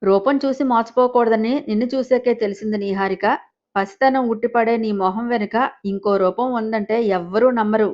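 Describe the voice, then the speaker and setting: A woman's voice: a little high, fairly even intonation, moderate pace, lo-fi sound, lightly acted. A woman voicing a sly young man who plays innocent while scheming against his friend. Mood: bitter.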